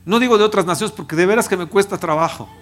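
A man in his fifties, a pastor, preaching a personal testimony with emotion, dropping to a hushed voice and rising again. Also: high voice, fast talker. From Mexico. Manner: emotional, swings from loud to hushed. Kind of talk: sermon testimony.

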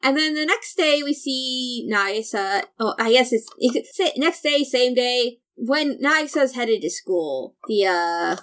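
A woman with a somewhat high voice hosts a casual podcast. She talks in a loose, rambling style, recapping and wandering into asides as she goes. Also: expressive, unhurried, few pauses, a bit bright. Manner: rambling, digressive. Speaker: podcast host. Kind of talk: casual chat, recapping an anime episode.

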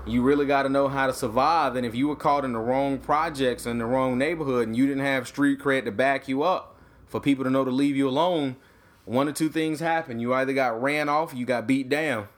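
A man in his thirties from Atlanta, co-hosting a podcast and telling loose, animated stories in casual chat. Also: mid-range voice, fairly quick. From Atlanta, USA. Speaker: podcast co-host.

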